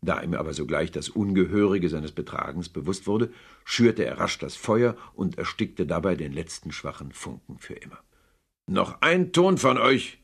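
A man narrating a classic novel as an audiobook in an expressive storytelling manner. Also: sits low, normal speed, gravelly, slightly rough.

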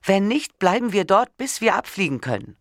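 A man voicing a panicked wife trapped abroad, his voice pitched high, shrill and trembling, in an audiobook reading. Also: lively intonation, moderate pace, fairly bright tone, dry recording, clean studio sound, exaggerated voice. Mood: frantic.

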